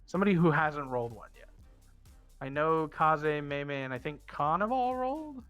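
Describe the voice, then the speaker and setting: A man speaking as game master, narrating and giving instructions in a halting, informal way with casual swearing. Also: fairly high pitch, animated, a bit bright, clear, resonant tone, dry recording. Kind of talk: narrating and running a tabletop game. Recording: music behind the voice. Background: music.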